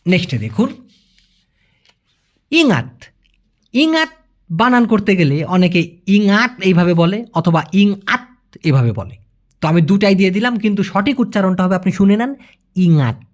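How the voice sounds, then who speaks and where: A man teaching a language lesson in a casual way, repeating phrases slowly and calling his viewers brother. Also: high-pitched.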